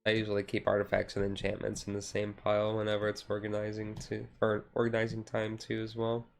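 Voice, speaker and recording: A man with a fairly low, gravelly voice chats casually to his live stream while sorting cards. His melody stays flat and unhurried as he rambles from thought to thought. He's quick to put himself down in an offhand, self-deprecating way.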